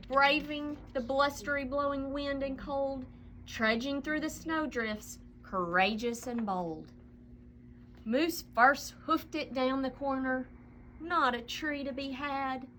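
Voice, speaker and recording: Reading a children's picture book with dramatic, expressive storytelling and lingering emphasis, a woman speaks in a voice that sits high. Some slight background noise can be heard.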